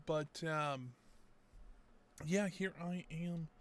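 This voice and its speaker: A man's voice: on the high side, extremely slow. A man streaming a game over livestream headset audio, chatting casually and rambling to himself as he sorts out his setup. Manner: rambling, talks to himself while fixing things. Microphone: gaming headset mic on a livestream.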